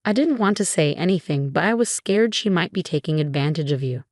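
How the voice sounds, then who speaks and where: A woman's voice: low-pitched, expressive, brisk, a little mellow, no echo, clean studio sound. A woman voicing a scheming, smug young sister-in-law who talks with sweet, fake innocence, in a storybook narration. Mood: smug venomous. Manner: sweetly venomous, feigning innocence.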